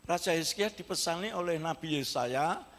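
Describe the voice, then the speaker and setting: A man's voice: on the high side, normal speed, fairly bright tone. A male pastor preaching a sermon in a church, telling the story vividly and acting out the quotes. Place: church sanctuary. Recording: echoey church hall.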